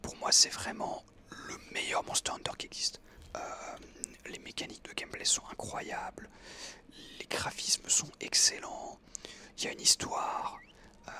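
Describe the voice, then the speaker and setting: Up close, a young adult narrates gameplay in a breathy, casual ASMR whisper, chatting informally and with enthusiasm like a gamer.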